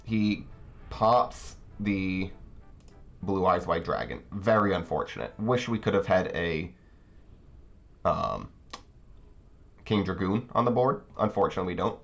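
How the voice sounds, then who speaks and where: A card game channel host talks casually through his matches, thinking aloud and explaining his plays in a low, expressive voice that sounds slightly congested. He speaks a little slowly, with vocal fry and long pauses. The recording is slightly dull, with faint music in the background.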